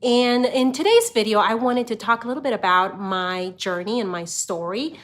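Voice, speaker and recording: A middle-aged woman from Honduras speaks in a slightly high voice. She talks to camera in an easy, conversational way, often filling pauses with "you know." She sounds like a channel host telling her own story. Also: expressive, a bit bright. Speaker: real estate investor and channel host. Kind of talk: casual direct-to-camera talk.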